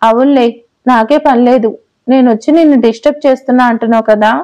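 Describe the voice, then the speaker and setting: A woman's voice: a little high, steady tone, quick pace, dark tone, lo-fi sound, natural voice. A woman voicing a playful, teasing young wife in an audio story. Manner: teasing, pouty. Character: playful pregnant young wife, mock-sulky.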